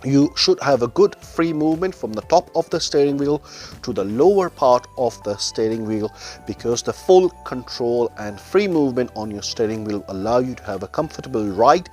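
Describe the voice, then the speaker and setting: Man, driving instructor, formal step-by-step teaching, non-native English phrasing, medium pitch, music in the background. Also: expressive, normal speed, darkish tone. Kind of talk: instructional step-by-step explanation to learner drivers.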